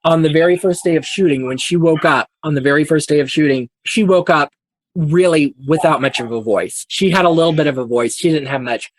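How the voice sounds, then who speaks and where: A man's voice: on the high side, fairly quick, no echo. A man hosting a podcast, casually retelling old Hollywood stories. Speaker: podcast host.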